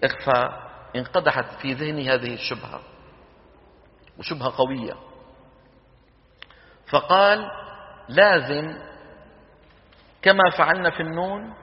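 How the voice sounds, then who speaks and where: A middle-aged man leads a recitation class, his slightly high voice pausing to quiz students and demonstrate each sound. The recording is dull, with a long hall reverb around him. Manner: asks students quick questions and answers them himself, demonstrating sounds aloud. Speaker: Quran recitation teacher. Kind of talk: classroom lecture with questions to students.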